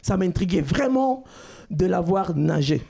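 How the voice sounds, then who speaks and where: A man from Cuba doing a stand-up comedy set on a club stage, with a loud, punchy delivery that shouts out the punchlines. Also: sits high, expressive, a little slow, creaky, heavy background noise. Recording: live club recording with crowd. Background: audience laughter.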